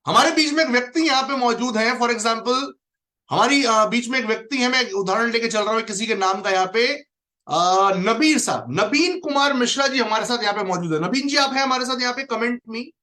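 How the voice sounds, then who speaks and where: High-voiced emphatic male motivational trainer. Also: a little fast, sharp tone. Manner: emphatic, repeats key phrases and calls out listeners by name. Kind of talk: motivational training talk to an online audience.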